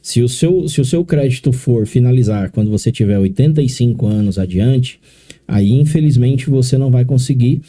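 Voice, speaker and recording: A middle-aged man with a São Paulo accent explains things to an interviewer, taking them step by step and often adding tag questions. His voice is deep and dark, and its pitch sits in the middle. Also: moderate pace. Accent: São Paulo Portuguese. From São Paulo, Brazil. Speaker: consórcio specialist guest.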